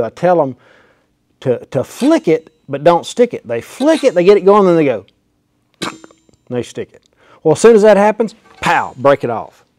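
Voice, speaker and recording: A welding instructor in his forties, with a fairly high, mellow voice, teaches in a small indoor workshop. Folksy and emphatic, he demonstrates hands-on as he talks, recorded on a clip-on lapel mic with clean studio sound and no room sound.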